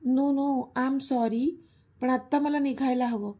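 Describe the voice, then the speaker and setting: A woman's voice: sits high, fairly even intonation, slow, warm tone, slightly rough, full character voice. A woman voicing an anxious young woman in love who pleads with her partner. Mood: flustered.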